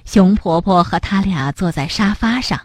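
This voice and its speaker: A woman narrating a children's picture-book story in an expressive storytelling manner. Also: medium pitch, moderate pace, husky, dry recording, clean studio sound.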